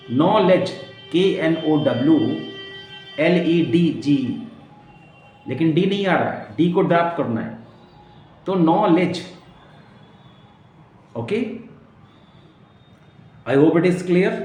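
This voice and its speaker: Brief male English teacher, Indian accent, slightly high voice, slow emphatic drilling, echoey room. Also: darkish tone, a little hiss or hum. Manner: mixes Hindi and English. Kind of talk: spoken English lesson.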